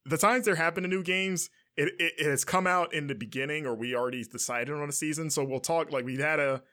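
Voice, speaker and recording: A man's voice: on the high side, fairly quick, pushed and bright. A man hosting a podcast in a casual, conversational style. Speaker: podcast host.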